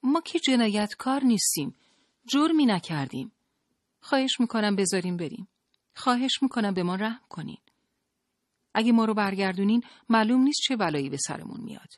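A woman's voice: fairly low pitch, big pitch swings, dry recording, voice pushed up. An audiobook narrator voicing a young woman under police questioning, answering sharply and pleading, in a dry recording. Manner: defiant, then pleading. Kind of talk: audiobook character voice.

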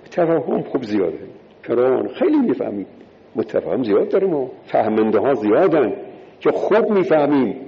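A man's voice: medium pitch, creaky. A man giving a religious sermon, emphatic, repeating key words and listing points one by one. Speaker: preacher. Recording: dull lo-fi recording with long hall reverb.

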